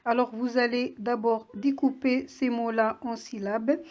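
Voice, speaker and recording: Over lo-fi sound, a woman with a slightly high voice and fairly even intonation gives a slow reading lesson to young children. Like a voice-over, she patiently breaks each word into clear syllables.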